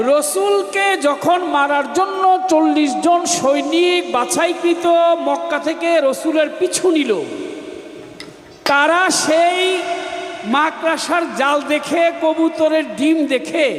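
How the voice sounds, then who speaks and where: A man with a strikingly high voice addresses a live crowd from the stage, preachy and scolding, sometimes rising to a shout. The sound is a big echoey hall with a long reverb trailing every phrase. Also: fairly even intonation, slow. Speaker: folk singer in a stage contest. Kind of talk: spoken address to a live audience.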